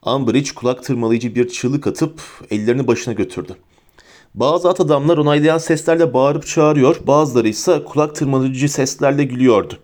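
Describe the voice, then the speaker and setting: A man narrating a fantasy story as an audiobook reader, steady and vivid. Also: medium pitch, moderate pace. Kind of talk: storybook reading.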